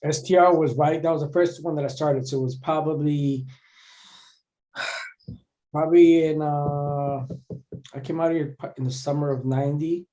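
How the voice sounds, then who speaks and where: A man's voice: a little high, steady tone, a little slow, pauses often, dark tone. A middle-aged man from Chicago, a graffiti artist and guest, telling stories in an easygoing, reflective way. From born in Mexico City, raised in Chicago. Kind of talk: casual interview chat.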